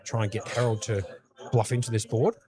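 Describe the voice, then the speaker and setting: A man with an Australian accent giving brisk play-by-play commentary on a live poker tournament from a commentary booth. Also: on the low side, steady tone, a crowd in the background. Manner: brisk play-by-play, matey banter.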